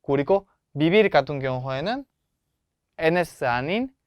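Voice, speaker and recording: A young man teaches pronunciation patiently and encouragingly, leaning hard on stressed syllables as he models each word. His voice sits a little high and sounds smooth and resonant. The recording is dry and close. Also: expressive, a little slow, no room sound. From Spanish-speaking country. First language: Spanish. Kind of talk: friendly language lesson.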